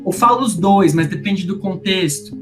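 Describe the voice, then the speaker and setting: A high-pitched man speaking with a Brasília accent, easygoing and chatty as a guest researcher. Music plays clearly underneath his voice on a remote recording. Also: moderate pace. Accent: Brasília Portuguese. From Brasília, Brazil. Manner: relaxed and chatty, many fillers. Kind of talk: casual academic interview. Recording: music bed under speech.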